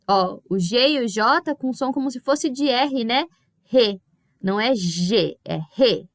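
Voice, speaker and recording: Brazilian lady teacher going over a spanish review, high voice, patient, dry close mic. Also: a bit bright, dry recording. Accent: Brazilian Portuguese. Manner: patient, explanatory, checks in with "tá?" and "né?". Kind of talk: recorded review lesson for pupils.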